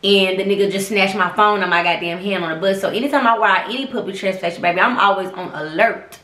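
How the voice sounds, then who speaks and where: Animated, profane woman telling a story. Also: medium pitch, quick pace. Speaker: host. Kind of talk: casual storytelling monologue. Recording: roomy echo.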